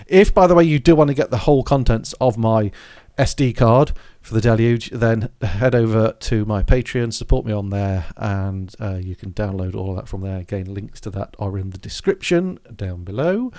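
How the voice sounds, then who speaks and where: Low-pitched man giving a casual tutorial. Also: lively intonation, normal speed, hardly any pauses, warm tone, dry recording, studio quality. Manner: rambling, thinking aloud. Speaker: music gear tutorial presenter. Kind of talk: casual software and hardware walkthrough. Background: scratching noise from a dog in the background.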